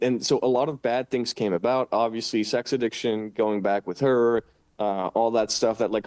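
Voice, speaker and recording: A man's voice: fairly low pitch, darkish tone. Rambling, earnest man on a podcast. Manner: rambling, earnest, stumbles over his words. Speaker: podcast co-host. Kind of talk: casual podcast chat.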